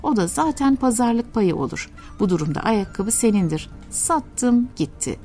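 A woman voicing a kind, generous male shoemaker in a storybook reading, gentle and playfully bargaining. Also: fairly high pitch, very animated, moderate pace, soft background music.

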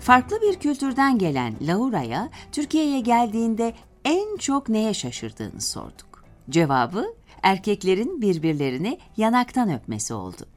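Highly expressive woman narrator over faint music. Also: unhurried. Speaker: TV programme narrator. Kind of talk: scripted documentary narration.

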